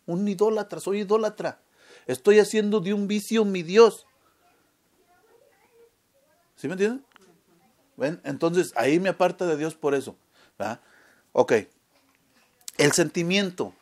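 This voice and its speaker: Male preacher with a higher voice, leans on "right?" questions to the audience. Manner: keeps asking the audience "¿verdad?"; asks questions and answers them himself. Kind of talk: sermon.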